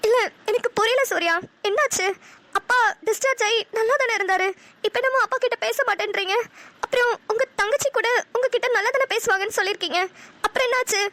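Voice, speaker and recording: A woman voicing a kind young businesswoman who gently comforts a friend in a cartoon. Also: very high voice, quick pace, dry recording. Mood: caring, concerned. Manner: soft, soothing, caring. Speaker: cartoon voice actor. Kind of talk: Tamil cartoon dialogue.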